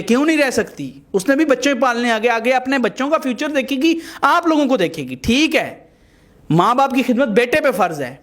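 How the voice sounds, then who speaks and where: High-voiced man lecturing a quarreling couple. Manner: emphatic, lecturing, addresses viewers. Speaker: host. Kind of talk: mediating a marital dispute on camera.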